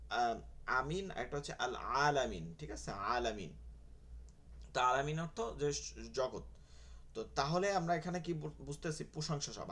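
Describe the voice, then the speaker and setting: A man's voice: medium pitch, fairly bright tone. A man teaching an online Quran pronunciation class, patiently repeating sounds and checking in with his students. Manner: patient, repeats letters and asks "okay?" often.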